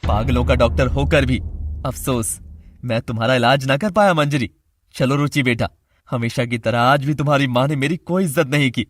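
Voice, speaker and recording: A man voicing a gentle, soft-spoken father in an audio drama. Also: mid-range voice, moderate pace, dry recording, lightly acted. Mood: wry. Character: gentle wounded father, a doctor.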